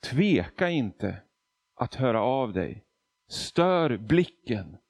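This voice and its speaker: A man's voice: mid-range voice, sing-song, creaky, no room sound. A man from Argentina preaching a testimony sermon, telling his story with emphasis and acting out quotes.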